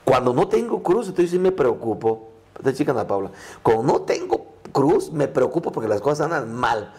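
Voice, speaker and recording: A man's voice: mid-range voice, lively intonation, normal speed, darkish tone. A middle-aged male priest speaking earnestly in a conversational interview, telling his story with frequent restarts. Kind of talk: conversational podcast testimony.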